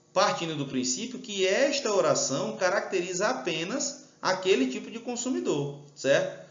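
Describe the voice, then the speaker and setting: A Brazilian Portuguese teacher with a fairly high voice walks through exam answers in a chatty way, stopping often to check that the class is with him. The sound is dull and lo-fi, with an echoey room around him. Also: male voice, fairly bright tone. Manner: chatty, checks in with "tá?" and "tudo bem?". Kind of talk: recorded exam walkthrough lesson.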